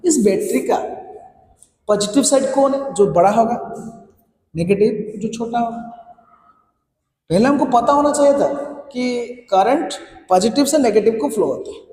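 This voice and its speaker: High-voiced Indian male science teacher. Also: darkish tone, a little hiss or hum. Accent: Indian English. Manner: repeats key points and quizzes students. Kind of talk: classroom lecture in Hinglish. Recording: echoey room with faint ambience.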